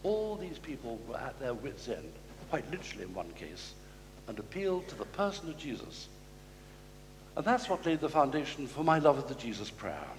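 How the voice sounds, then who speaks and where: A man's voice: medium pitch, big pitch swings, slight background noise. Man preaching a sermon in a reverberant hall. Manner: measured, slows down to quote scripture. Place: church.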